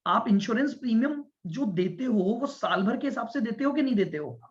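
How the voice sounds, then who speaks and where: A man with a very high, expressive voice teaches a commerce class, explaining step by step, repeating his points and checking that students follow. He speaks deliberately and stresses listening. The lecture recording is dull and lo-fi.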